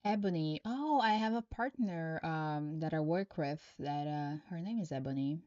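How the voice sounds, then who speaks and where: Reading tarot on a live stream, a woman from Brazil uses English as a second language, her Brazilian Portuguese accent audible. She reads questions from viewers aloud and answers them in a slow, halting way. Her voice sits low and is a little mellow, recorded dry with dull audio.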